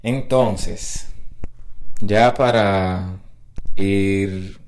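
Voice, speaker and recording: A man's voice: low-pitched, very slow, darkish tone, a little hiss or hum. A man hosting a casual solo podcast, rambling and often restarting and correcting himself. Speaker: podcast host.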